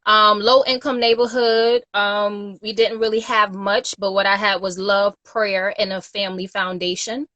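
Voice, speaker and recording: A woman's voice: mid-range voice, flat delivery, unhurried, few pauses, pushed and bright, no echo, lo-fi sound. A woman from Queens, a guest on a casual livestream interview, talking earnestly with many "you know"s. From Queens, New York. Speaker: guest, youth nonprofit founder.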